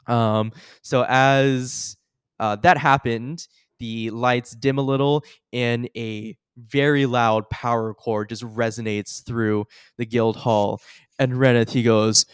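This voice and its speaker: Young man, game master, casual narration, clear voice, dry sound. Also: mid-range voice, steady tone, takes it slowly, no echo. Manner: casual, laughing, full of fillers.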